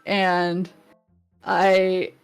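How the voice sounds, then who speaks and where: A woman from New England guests on a chat show as a vtuber, her voice fairly low, monotone and gravelly yet clean in tone. She talks casually but giggles, stalls and restarts her sentences many times. Soft background music accompanies her.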